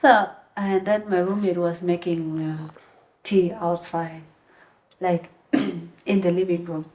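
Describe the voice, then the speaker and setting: Woman interview guest; earnest, halting storyteller, somewhat low voice. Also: fairly even intonation, a little mellow, lo-fi sound. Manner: halting, earnest retelling with frequent restarts. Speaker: podcast guest.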